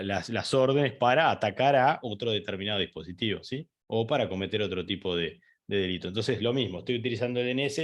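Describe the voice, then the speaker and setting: A man giving an online training lecture, explaining step by step with fillers, restarts and frequent checks with the listener. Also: medium pitch. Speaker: instructor.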